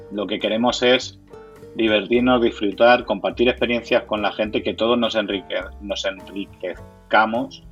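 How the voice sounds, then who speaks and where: Being interviewed, a Madrid-born board game community organizer talks in a Castilian accent, now and then repeating words as he hunts for the right phrasing. The recording is muffled, and his voice is on the low side with a slightly bright tone.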